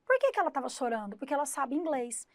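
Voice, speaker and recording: A woman's voice: high-pitched, very animated, fast, no echo. A woman English teacher, giving an exam-prep class and explaining through rhetorical questions and retold examples.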